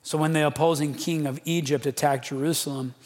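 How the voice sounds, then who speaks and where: Man, pastor, fervent casual sermon, slangy asides, somewhat high pitch, long hall reverb. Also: steady tone, brisk.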